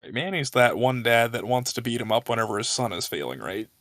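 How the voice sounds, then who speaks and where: A man co-hosting a casual podcast chat, lively and fond of rhetorical questions. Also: mid-range voice, brisk, no echo, studio quality. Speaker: podcast co-host.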